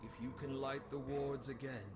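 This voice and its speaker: A man's voice: mid-range voice, steady tone, normal speed, heavy background noise, lightly acted. A man voicing a solemn, commanding guardian spirit of flame in a fantasy video game. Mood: urgent. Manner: grave, urgent, commanding. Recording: very loud game music over voice.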